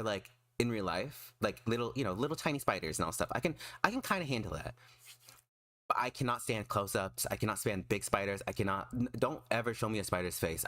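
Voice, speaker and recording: A man chatting casually on a livestream in an excitable, emphatic, self-deprecating way. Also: on the low side, no echo. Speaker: streamer and artist.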